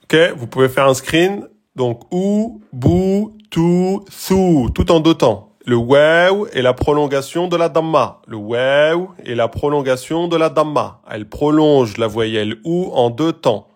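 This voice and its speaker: Guy teaching arabic letters really slowly, patient, keeps repeating stuff and sounding it out. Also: mid-range voice. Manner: slow, patient, repeats rules and models sounds. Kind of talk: online lesson.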